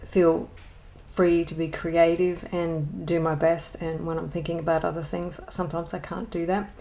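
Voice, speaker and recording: She hosts a colouring channel and speaks at a normal speed in a lowish, mellow voice with a flat delivery, though the audio quality is poor. Her show-and-tell chat is casual and halting, full of ums and jokes at her own expense.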